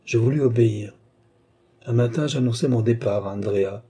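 A grieving young woman, voiced by a male audiobook reader, confides her past. The tone is mellow and soft-edged, with a husky grain. The reading stays measured and confessional throughout. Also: mid-range voice, close to an everyday voice. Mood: remorseful.

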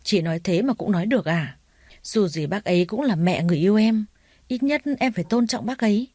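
A woman's voice: mid-range voice, expressive, brisk, darkish tone, dry recording, close to an everyday voice. A woman voicing a defiant young female student who petulantly talks back to her family, in a narrated story.

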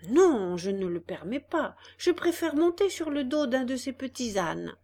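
A woman's voice: high-pitched, big pitch swings, measured pace, a little mellow, voice pushed up, full character voice. A woman reading aloud, voicing a wooden puppet boy who speaks eagerly and insistently. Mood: pleading.

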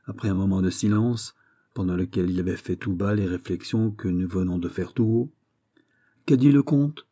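Guy reading an audiobook, low voice, really dark and mellow, measured. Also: fairly even intonation, husky. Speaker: audiobook narrator. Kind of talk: audiobook reading of a classic novel.

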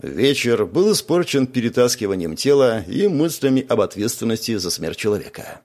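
Lively male audiobook narrator. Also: normal speed. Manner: lively, shifts pitch for characters. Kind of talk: audiobook narration with character voices.

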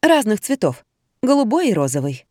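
A woman voicing a loud, shrill, jealous young mother in an audiobook, who scolds and squeals. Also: big pitch swings, moderate pace, no room sound, clean studio sound. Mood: curt.

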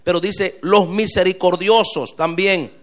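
Man preaching a sermon, fairly high voice, animated, loud on verses. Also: unhurried. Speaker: pastor.

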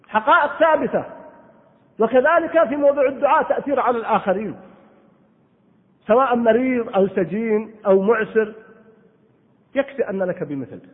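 A man giving an earnest religious lesson, exhorting and answering listeners' questions. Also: high voice. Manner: earnest, exhorting, voice rises and falls widely. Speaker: Islamic scholar answering questions. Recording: tinny phone-like audio in a long-echo hall.

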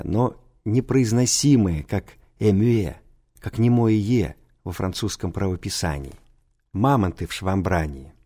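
A man reading a novel aloud as an audiobook narrator, in an even storytelling delivery. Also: medium pitch. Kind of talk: scripted narration.

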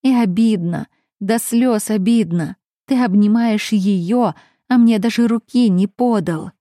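An anguished young heroine of an audiobook romance, as a woman narrator plays her. Her raw voice breaks with emotion. It is warm and mellow in tone, recorded dry with no room echo. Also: mid-range voice, measured pace, close to an everyday voice. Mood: furious, tearful.

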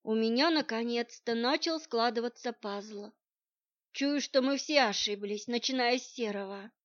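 Brief: woman narrator for a first-person novel, calm and dry, fairly high voice, dull lo-fi sound. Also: measured pace. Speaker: audiobook narrator. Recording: muffled lo-fi audio.

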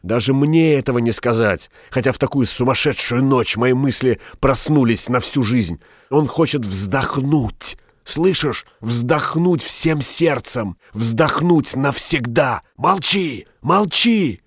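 A man's voice: lowish voice, normal speed, few pauses, no room sound, clean studio sound, natural voice. A man reading a storybook voices an agitated, boastful shopkeeper in prison, talking in heated, hissing bursts. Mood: urgent. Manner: heated, hissing, rising to cries.

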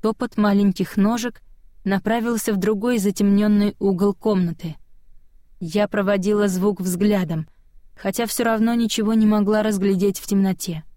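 Woman, first-person audiobook narration, dry close mic, mid pitch. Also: fairly even intonation, moderate pace, warm tone, dry recording.

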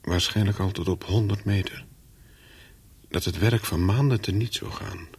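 A male actor performs a calculating, persuasive young spy in a radio play, delivering both dialogue and first-person narration as the character looks back. His low, husky voice is exaggerated and a little mellow, with terse, controlled speech at a normal speed. The mood is one of reflective narration.

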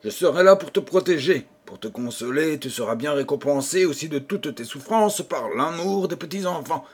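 Storybook role: a soft-spoken, tender fairy queen, put on by a husky, lively male reader. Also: fairly high pitch, normal speed. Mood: tender, coaxing. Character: gentle kindly female fairy queen.

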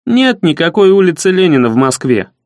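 A man voicing a young city boy who answers firmly and calmly. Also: fairly high pitch, moderate pace, no echo, studio quality. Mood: defiant. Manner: firm, calm, defiant replies.

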